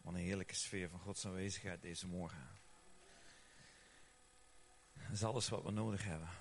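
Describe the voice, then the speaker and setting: A man preaching and leading worship in a soft, prayerful, reverent way, slipping English phrases into his talk. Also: sits low, steady tone, moderate pace, vocal fry, slight background noise.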